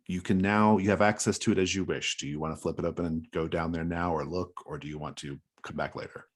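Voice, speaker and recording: Male game master, deep and slightly husky, improvising tabletop narration in a halting, thoughtful flow. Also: steady tone. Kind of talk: running a tabletop role-playing game.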